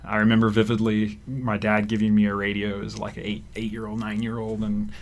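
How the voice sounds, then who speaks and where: Young guy grew up in africa, low steady voice, rambly with lots of uh's, studio interview. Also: a little fast. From Zimbabwe and Kenya. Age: young adult. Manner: relaxed, rambling with fillers. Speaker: guest, graduate student. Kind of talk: casual interview. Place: radio studio.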